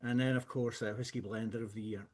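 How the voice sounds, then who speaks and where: A man speaks with a broad Scottish accent at a medium pitch. He presents online as a business owner would, halting and picking his way through phrases with frequent pauses. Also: fairly even intonation, darkish tone. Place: speaking into a microphone on an online call.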